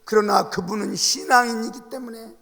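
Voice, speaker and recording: High-voiced pastor preaching in an echoing church. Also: male voice, steady tone, a little fast, gravelly, soft background music. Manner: emphatic preaching, swelling to loud calls to the congregation. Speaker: senior pastor. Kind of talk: Sunday sermon. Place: church sanctuary. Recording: long reverb of a church hall.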